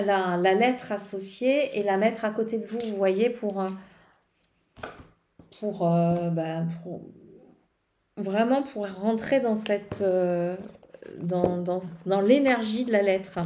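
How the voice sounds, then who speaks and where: A woman's voice: medium pitch, warm tone, slight background noise. A woman vlogging casually about tarot decks, rambling with frequent hesitations and restarts. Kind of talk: casual tarot show-and-tell.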